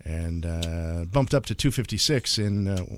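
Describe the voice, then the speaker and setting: A man's voice: deep voice, expressive, measured pace. A man hosting a radio music show, chatting casually and easygoing with a co-host, with some hesitant fillers.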